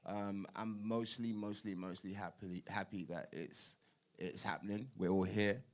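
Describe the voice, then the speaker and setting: A man talks in a lowish voice at a boxing press conference. He is informal and playful, often repeating a phrase for effect. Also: fairly even intonation, unhurried.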